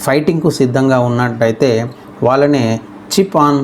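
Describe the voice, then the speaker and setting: Man slowly reading English examples. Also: medium pitch, slight background noise. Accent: Telugu-accented English. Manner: reads English examples slowly and deliberately, then explains quickly; repeats phrases for emphasis. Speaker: English teacher. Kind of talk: explaining English idioms in Telugu.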